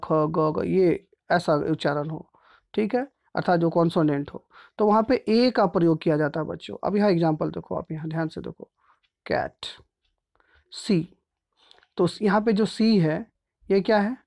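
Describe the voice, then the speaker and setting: A man's voice: sits high, a little mellow. Patient male teacher with frequent check-ins. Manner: patient, repetitive, checks in with the pupils often. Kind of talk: grammar lesson explained step by step.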